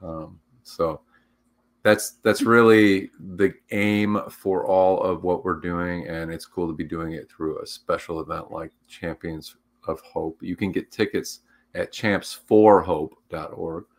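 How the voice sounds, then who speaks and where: This co-host on a livestream talk show speaks low and slow with a steady tone. His chatter is casual and cheerful, wandering off on tangents and packed with filler words.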